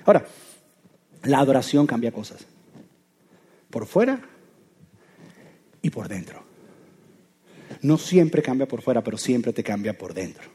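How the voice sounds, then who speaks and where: A man preaching a sermon in a lively, conversational way, often asking his listeners rhetorical questions. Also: medium pitch, unhurried, long pauses, slightly rough.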